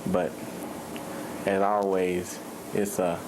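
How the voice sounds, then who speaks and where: A man's voice: sits low, little pitch movement, slow pace. A man giving a hesitant, qualifying opinion in an interview. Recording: noisy old video recording.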